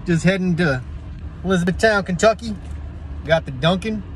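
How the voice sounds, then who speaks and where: A man's voice: high voice, lively intonation, moderate pace. A middle-aged man chatting casually as a travel vlogger, recorded on a phone inside a moving car. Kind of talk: casual vlog chat. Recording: loud car and road noise.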